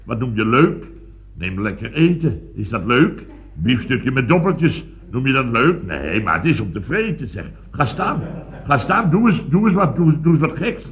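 A man's voice: mid-range voice, big pitch swings, normal speed, highs cut off. An actor playing a fussy, pompous rich businessman in a radio comedy, blustering and exclaiming. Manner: blustering, exclamatory, self-mocking.

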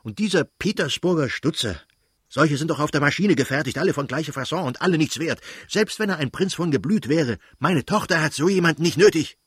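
A man's voice: a little high, very animated, husky, dry recording, studio quality, voice pushed up. A man voicing a hot-tempered elderly prince who scolds his wife in scornful outbursts, in a reading of a novel. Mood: ranting. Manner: blustering, scornful, quick outbursts.

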